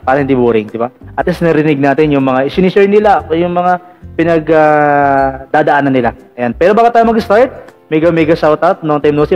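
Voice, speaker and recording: Male host for a live call-in show, talkative and playful, voice pitched a little high, light music underneath. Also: a little mellow, muffled recording. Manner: chatty, teasing, many fillers like "ayan". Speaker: vlog radio-style host taking callers. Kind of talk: casual live call-in chat.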